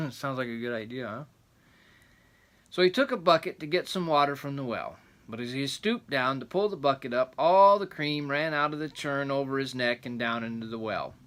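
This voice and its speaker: Older man, rambling grandpa story time, bright voice, medium pitch, folksy asides, reading a tale aloud. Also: moderate pace.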